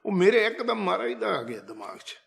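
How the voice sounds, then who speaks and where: A man with a somewhat high, gravelly voice tells a personal devotional story. He talks in a loose, conversational way and retells old conversations. Now and then he turns to his listeners with asides. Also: very animated, a little fast, fairly bright tone. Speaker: storyteller sharing a devotional account. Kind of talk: casual spoken testimony.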